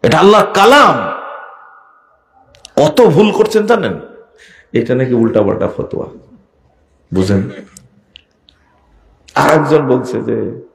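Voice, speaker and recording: Forceful scolding male preacher. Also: gravelly. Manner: forceful, scolding rhetorical questions; sudden rises in pitch and volume for emphasis. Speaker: Islamic preacher. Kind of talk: sermon.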